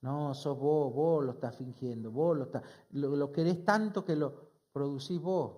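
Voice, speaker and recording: A man's voice: a little high, unhurried, warm tone. A male pastor with a Rioplatense Spanish accent preaching, telling a personal story and acting out the conversation. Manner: storytelling, acts out dialogue with voseo. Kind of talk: sermon with personal testimony.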